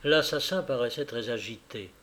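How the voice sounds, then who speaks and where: A man reading a classic novel aloud as narrator, dramatically, slowing down at moments of suspense. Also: medium pitch, a bit bright.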